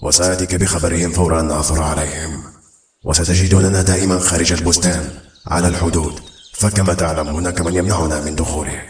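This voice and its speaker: A man voicing a solemn male clan leader in an audiobook, speaking low and measured. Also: level tone, a little hiss or hum, lightly acted. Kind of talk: audiobook narration. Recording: roomy echo.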